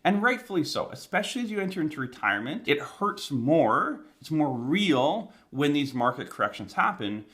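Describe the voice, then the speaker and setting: Animated Canadian man with a numb, swollen mouth. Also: a little high, moderate pace, few pauses. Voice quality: slightly impeded articulation from numb mouth. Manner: emphatic, conversational, repeats key phrases. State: numb, swollen mouth after oral surgery. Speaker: financial planner hosting an advice channel. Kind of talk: direct-to-camera financial advice.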